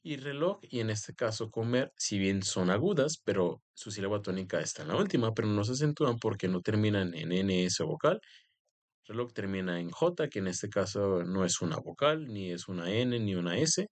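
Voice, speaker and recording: A man, a teacher explaining rules step by step and often filling pauses with the same stock phrase. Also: lowish voice, expressive. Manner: explanatory, repeats "en este caso" as a filler. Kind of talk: recorded grammar lesson.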